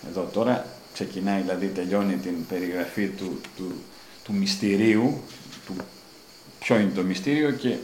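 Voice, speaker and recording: A low-pitched man reads his own prose with dramatic, building emphasis. The recording is roomy, with noticeable echo and a faint ambient hum behind him. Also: a little mellow. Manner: dramatic, rising emphasis on repeated phrases. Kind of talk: literary reading.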